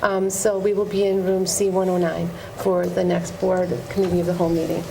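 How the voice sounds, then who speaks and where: A woman's voice: fairly low pitch, level tone, a little fast, gravelly. A woman, a school district administrator, giving announcements at a board meeting, reading out names, dates and awards. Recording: noisy community TV recording.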